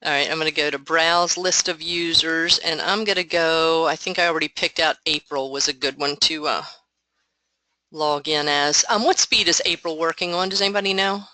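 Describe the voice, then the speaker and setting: Woman, software trainer, online meeting, headset mic, bright forceful tone, dry close sound, patient explainer. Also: deep voice, fairly even intonation, normal speed, no echo, low-quality recording. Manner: explanatory, patient, thinks aloud.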